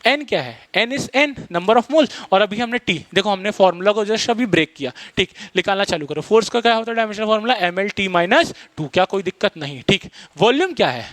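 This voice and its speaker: Man, physics teacher, fast-talking, quizzing questions, high-pitched voice. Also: animated, fairly bright tone, no room sound. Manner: fast-talking, quizzes students, mixes Hindi and English terms. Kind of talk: classroom lecture.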